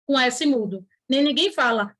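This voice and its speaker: A woman teaching an online grammar lesson, explaining slowly and stretching key words as she writes on a board. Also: high voice, lively intonation, fairly bright tone. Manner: writes on a board while talking.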